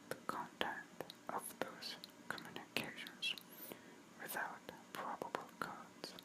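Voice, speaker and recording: A person reading a news article aloud entirely in a breathy, unvoiced whisper, in an ASMR style. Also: poor audio. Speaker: reader.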